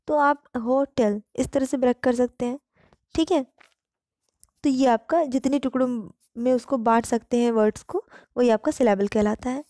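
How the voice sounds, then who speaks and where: A woman teaching English grammar in Hindi. She reads the English example sentences slowly and clearly. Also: fairly high pitch, warm tone, dry recording, studio quality. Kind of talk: online grammar lesson.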